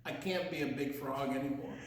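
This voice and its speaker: A man with a mid-range voice briskly and playfully tells a rhyming children's story, stretching words into singsong and adding chatty asides and animal noises. The room is very echoey, with slight background noise.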